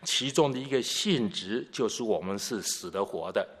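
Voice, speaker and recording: A man's voice: fairly low pitch, lively intonation, normal speed, fairly bright tone. Male pastor, teaching-style sermon, asks the room questions; reverberant hall sound. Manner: expository, poses rhetorical questions.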